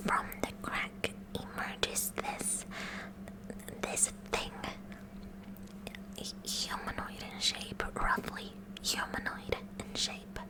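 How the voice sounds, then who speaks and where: In a whispered ASMR roleplay with poor audio, a woman plays a quirky, eager teenage president of a science club. She uses nerdy, formal phrasing and stammers nervously.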